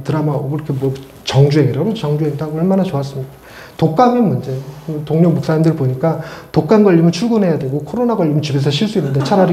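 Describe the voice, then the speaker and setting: A middle-aged male pastor preaching a sermon, chatty and animated, with playful asides to his congregation. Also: on the high side. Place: church sanctuary. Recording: echoey church hall.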